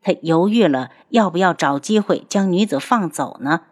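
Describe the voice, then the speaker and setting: A woman's voice: on the low side, expressive, moderate pace. A woman narrating a novel audiobook expressively, acting out the characters.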